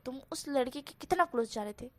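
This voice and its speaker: Woman doing a calm, possessive young husband. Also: sits high, fast talker. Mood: soft. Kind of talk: storybook voice acting.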